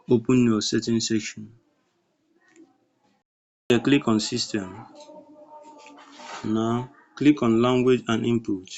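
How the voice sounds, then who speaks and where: A man presenting a step-by-step screen tutorial in halting, instructional phrases. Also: medium pitch, a little mellow. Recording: dull lo-fi recording.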